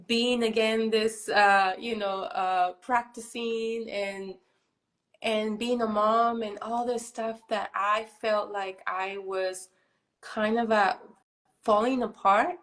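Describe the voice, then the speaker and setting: A woman's voice: mid-range voice, steady tone, takes it slowly, a bit bright. Chatty woman in her forties from Mexico. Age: 40s. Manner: chatty, many fillers like "you know" and "like". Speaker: live stream host. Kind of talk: casual chat.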